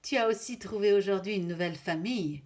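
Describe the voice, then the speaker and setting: A woman's voice: medium pitch, fast, a little mellow, close to an everyday voice. A woman voicing a kind, welcoming mother chamois in a storybook reading.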